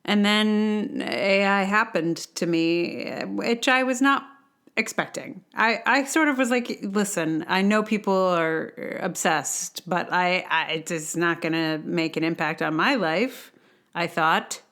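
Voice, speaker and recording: A woman with a lowish, fairly bright voice speaks slowly as a podcast host and blogger. She's conversational and wry, leaning hard on certain words, moving from casual intro chat to reading a blog post aloud.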